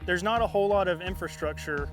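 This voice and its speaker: Higher-pitched man in casual interview. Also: quick pace, soft background music.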